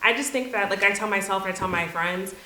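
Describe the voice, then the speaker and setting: A woman in her thirties with a bright, sharp voice. She gives her opinions in a relaxed way and says "like" often. The room around her voice sounds echoey. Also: medium pitch, fast talker. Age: 30s. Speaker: panel guest. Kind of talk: casual roundtable chat. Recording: echoey room with faint hiss.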